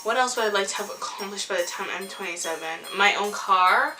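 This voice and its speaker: A seventeen-year-old girl chats to the camera in a casual vlog, her medium-pitched voice brisk. She rambles and leans heavily on "like" and "ew," with music playing beneath her.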